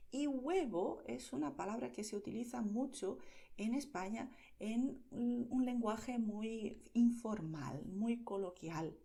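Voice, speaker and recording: Slow, mellow Spanish teacher from Spain. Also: female voice, mid-range voice. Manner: slow, clear, over-articulated, checks in with "¿vale?". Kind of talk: pronunciation lesson for learners.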